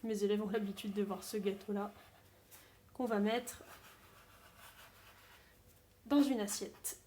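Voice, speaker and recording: A woman teacher calmly explaining a sound-sorting game step by step for young children's parents. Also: medium pitch, takes it slowly. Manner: calm, simple step-by-step explaining. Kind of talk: classroom game explanation video.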